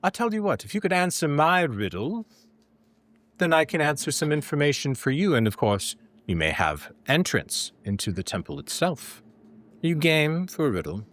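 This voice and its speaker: A man voicing a magical scholarly young gentleman in a door, formal, courteous and smug, in tabletop role-play. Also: a little high, big pitch swings, normal speed, pitched above the performer's own voice. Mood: polite, intrigued.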